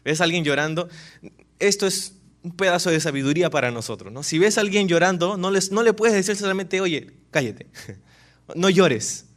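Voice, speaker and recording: A man preaching a sermon, animated, often tossing rhetorical questions to his listeners. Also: high-pitched, fast. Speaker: pastor.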